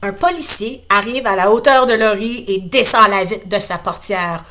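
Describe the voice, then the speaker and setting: A woman teacher with a Quebec accent reading a picture book aloud to her class, lively and expressive with playful asides. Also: mid-range voice, moderate pace, slight background noise. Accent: Quebec French.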